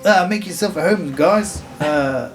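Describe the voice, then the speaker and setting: A man's voice: on the high side, unhurried, over music, natural voice. A man voicing a meek male manor servant with a put-on Russian accent, hesitant and eager to please.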